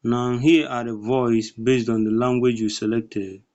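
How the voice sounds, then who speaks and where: A man presenting a step-by-step screen tutorial in halting, instructional phrases. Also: mid-range voice, fairly even intonation, a little mellow. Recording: dull lo-fi recording.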